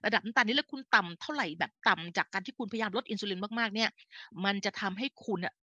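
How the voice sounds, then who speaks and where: Speaking like an older sister to her listeners, a woman runs a casual live health talk full of fillers and mid-sentence self-corrections. Her mid-range voice is fast, sharp and slightly rough, and the recording is dry and dull.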